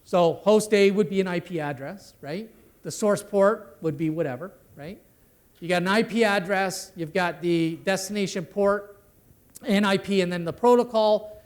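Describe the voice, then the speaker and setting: High-voiced man giving a conference talk. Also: moderate pace. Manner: conversational, tags sentences with "right?". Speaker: conference speaker. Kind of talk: conference talk on network security. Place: conference hall.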